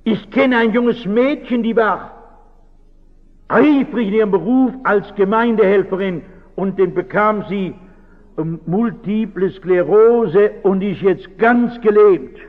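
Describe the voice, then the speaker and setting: A man speaks as a pastor in a notably high voice, earnest and searching as he turns question after question back on his listeners. His words ring out with a long reverb, and the recording sounds dull and muffled. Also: takes it slowly. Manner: earnest, keeps asking rhetorical questions. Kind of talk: reflective talk to an audience.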